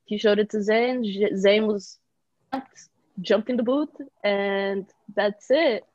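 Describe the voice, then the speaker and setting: A woman's voice: medium pitch, takes it slowly, a little mellow, no room sound, muffled recording. A young woman who grew up in Brazil, a singer-songwriter guest chatting casually on a podcast and laughing often. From Bulgaria, raised in Brazil.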